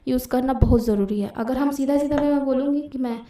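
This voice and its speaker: Female teacher, highish mellow voice, explaining patiently and repeating key terms, roomy echo. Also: a little fast, far from the mic. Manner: explanatory, repeats and checks with "theek hai". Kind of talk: exam-prep grammar lesson.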